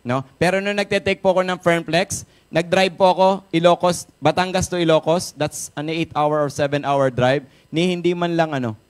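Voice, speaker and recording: A man with a Filipino accent giving an energetic, jokey product talk to a live audience, often asking the crowd questions. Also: a little high, moderate pace, clean tone. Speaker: product seminar speaker. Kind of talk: lively sales pitch to a live audience. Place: event room with a live audience.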